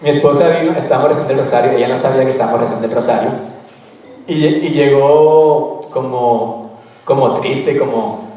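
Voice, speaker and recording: A man's voice: mid-range voice, normal speed, mellow. A man giving a spiritual retreat talk, telling his stories in a candid, conversational way. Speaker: retreat speaker. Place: large retreat hall. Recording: echoey hall, voice far from mic.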